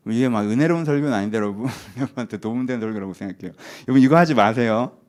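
A man's voice: mid-range voice, racing, a little mellow. A man preaching a sermon in a casual, conversational way, acting out short asides. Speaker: pastor.

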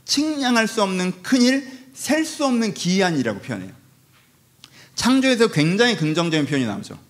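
A male pastor preaching with a bright, fairly high voice that swoops up and down all the time. He talks fast and casually, firing rhetorical questions at the congregation. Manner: lively, conversational preaching with rhetorical questions and acted-out quotes. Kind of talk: sermon.

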